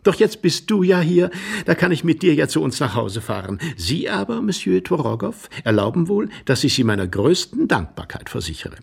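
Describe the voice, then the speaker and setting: An actor reading aloud and voicing Glafira, a flustered, effusive young society wife who gushes breathlessly. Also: male voice, on the high side, very animated, normal speed, vocal fry, breathy edge, voice pushed up, heavily acted. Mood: gushing. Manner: breathless, gushing, lilting.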